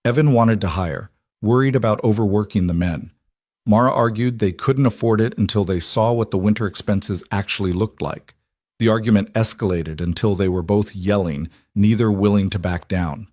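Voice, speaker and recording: Low-voiced male audiobook narrator. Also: moderate pace, a little mellow, no room sound, studio quality. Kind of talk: scripted narration.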